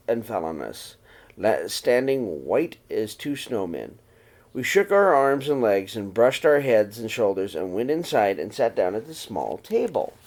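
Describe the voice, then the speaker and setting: A man with a mid-range voice reads a picture book aloud to young children, telling the story expressively.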